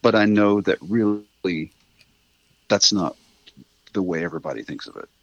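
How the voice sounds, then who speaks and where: Interviewed about the radio drama he wrote, this middle-aged man reflects casually, wandering thoughtfully and correcting himself as he talks. His voice sits low at a moderate pace, in a dry, lo-fi recording.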